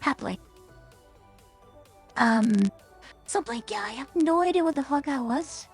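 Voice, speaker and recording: A woman's voice: sits high, lively intonation, measured pace, soft background music. A woman VTuber chatting casually on stream through a staticky voice changer that cuts out, rambling with hesitant fillers.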